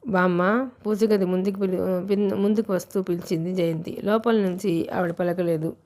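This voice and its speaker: A woman's voice: fairly low pitch, fairly even intonation, normal speed, darkish tone. A woman narrating a novel as an audiobook reader, telling the story steadily.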